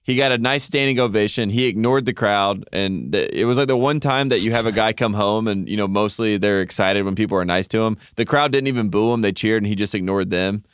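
A man's voice: on the low side, a little fast, hardly any pauses, clear, resonant tone, no echo, clean studio sound. A man co-hosting a podcast, telling stories in a wry, joking way in casual chat. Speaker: podcast co-host.

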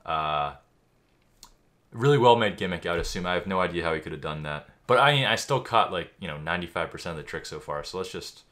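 Deep-voiced man boasting as a mock expert. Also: animated, fast talker, fairly bright tone. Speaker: YouTuber. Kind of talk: mock magic tutorial commentary.

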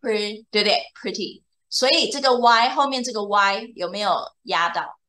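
During a one-on-one bilingual lesson, this English tutor patiently walks a young student through the material and checks often for understanding. Her medium-pitched voice moves at normal speed and sounds pushed and bright.

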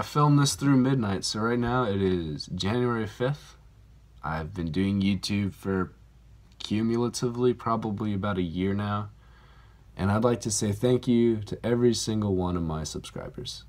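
A man with a fairly low voice chats casually to his viewers. He rambles and pokes fun at himself, with plenty of "like" and "you know". It sounds like a phone mic. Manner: rambling, self-deprecating, filler-heavy. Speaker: YouTuber, channel host. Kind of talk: casual vlog talk to camera. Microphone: phone camera mic.

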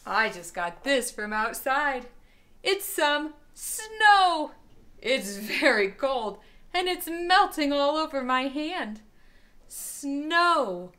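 A woman teacher giving a children's phonics lesson, sounding out each word slowly and clearly for young learners. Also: sits high, very animated, fairly bright tone.

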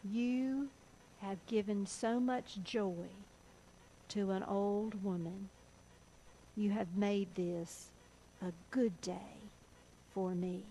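Frail old lady, a woman preacher doing her, soft and slow, gentle thankful tone. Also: medium pitch, steady tone, a little hiss or hum, rough recording. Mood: wistful. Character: frail elderly woman, dying, gentle and grateful.

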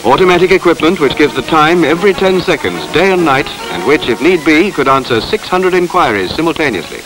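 A man reading formal, measured scripted narration for a 1950s documentary on an old film soundtrack. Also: fairly high pitch, very animated, over loud music, rough recording.

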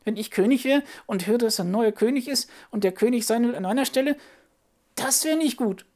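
Woman voicing Edi, a squeaky curious worm. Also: fairly quick. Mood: excited. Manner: asks endless naive questions, squeaky and excitable. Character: curious, chatty young worm puppet. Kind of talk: children's puppet show.

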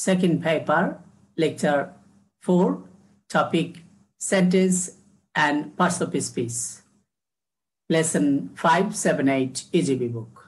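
A man's voice: fairly high pitch, extremely slow, pauses often. A man teaching a recorded class, who asks his students questions and answers them himself. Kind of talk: recorded online class lesson. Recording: echoey room.

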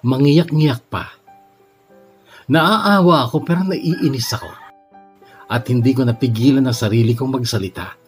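A man reading a listener's letter aloud as a first-person story, steady and measured with emotional lifts. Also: medium pitch. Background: soft background music.

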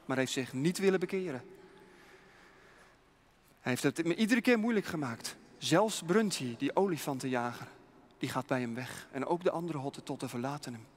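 A man freely telling a mission story to children, dramatic and suspenseful, with many rhetorical questions, heard with a long hall reverb. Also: a little high.

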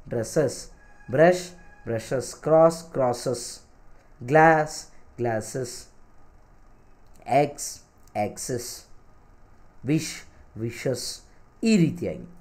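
A male English teacher with a Kannada accent, leading an online exam-prep class. His voice sits at a middling pitch for a man. He mixes Kannada and English, reads word pairs aloud one after another and stops to ask whether the class is following. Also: a little mellow.

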